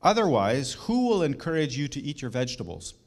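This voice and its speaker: A middle-aged man preaching a sermon, earnest and emphatic, with rhetorical questions and warm personal asides to the congregation. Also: medium pitch, big pitch swings, brisk. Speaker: pastor.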